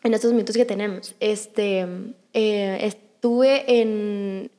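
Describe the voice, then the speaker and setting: A young woman chatting casually, telling a personal story in an animated way with many restarts. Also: medium pitch, slow. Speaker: podcast guest. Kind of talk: casual chat.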